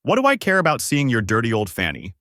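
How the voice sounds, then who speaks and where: A man voicing a naive, cheerful strong boy in a fan-made story, speaking loudly and guilelessly in a raised voice. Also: huge pitch swings, fast talker, dry recording, studio quality. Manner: raised pitch, loud and guileless.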